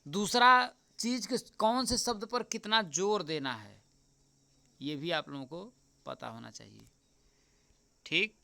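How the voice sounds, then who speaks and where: Man, exam tutor, bright crisp voice, repeats answers, checks in often. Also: sits high. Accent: Hindi. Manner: repeats answers slowly, keeps asking "ठीक?"; addresses viewers as friends. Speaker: teacher. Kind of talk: exam paper walkthrough.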